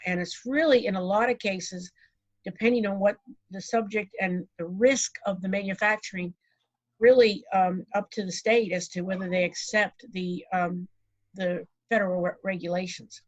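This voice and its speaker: A woman with a Boston accent giving an online presentation, rushing ahead with many fillers and restarts. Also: medium pitch. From Boston, Massachusetts. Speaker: guest speaker. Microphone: video call. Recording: dull lo-fi video call audio.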